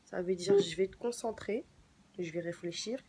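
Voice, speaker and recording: A woman's voice: moderate pace, mellow, a little hiss or hum. Playful young woman, chatty vlog. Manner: chatty and playful, with sudden jumps in pitch. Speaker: vlogger. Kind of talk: casual talk to camera.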